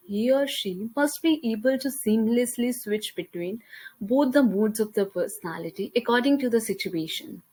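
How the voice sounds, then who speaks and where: This is a young Indian student, Hindi her first language, reading a class presentation in an Indian accent as a slide voice-over on a computer mic. Her voice is a little high and the audio is poor; she paces carefully and slips slightly here and there.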